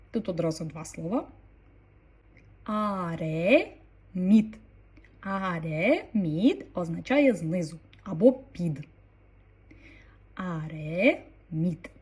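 A woman teaching an online language lesson, calmly explaining and repeating each new word. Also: lowish voice, slightly rough.

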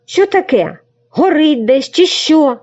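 A tall, sleepy village boy who loves his dreams and is slow to get up, as a woman voices him. His voice rises above her reading tone. The recording is dull and lo-fi. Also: sits high, big pitch swings, darkish tone, dry recording, voice pushed up. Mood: startled. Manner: drowsy, then dutiful.

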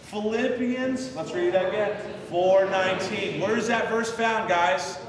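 Guy pastor preaching, kinda high voice, booming echoey hall, picked up from far off. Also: steady tone, moderate pace, a crowd in the background. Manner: leads the congregation in call-and-response, repeating a memory verse. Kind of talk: sermon. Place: church sanctuary. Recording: echoey church hall from a distance.

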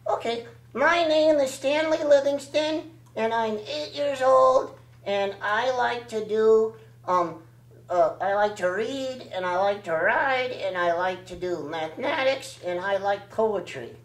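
A man's voice: high-pitched, measured pace, reverberant, pitched above the performer's own voice, poor audio. A man voicing a cheeky eight-year-old boy ventriloquist dummy who cracks rude little jokes.

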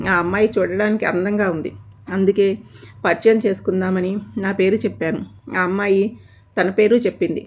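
A woman's voice: mid-range voice, close to an everyday voice. A woman voicing a cheeky young schoolboy in a spoken storybook, explaining himself with sly innocence.

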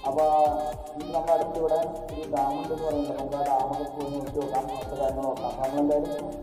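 This host's voice is a little high and level in tone, and he talks very fast over background music. He's a travel vlogger with a Kerala Malayalam accent, casually and enthusiastically addressing viewers in Malayalam laced with English, with repeated catchphrases of approval.

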